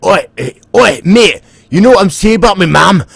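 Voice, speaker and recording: A rowdy young Scottish lad blusters loudly in a raised voice, as a man puts him on. The accent is rough and halting, and the sound is dry. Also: sits high, expressive, dry recording, voice pushed up, heavily acted.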